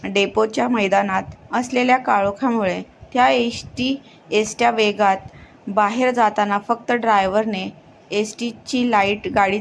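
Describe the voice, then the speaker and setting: A woman's voice: mid-range voice, vocal fry, slight background noise. A woman narrating a horror story, reading steadily, often tripping and restarting her words. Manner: reads steadily with frequent slips and restarts.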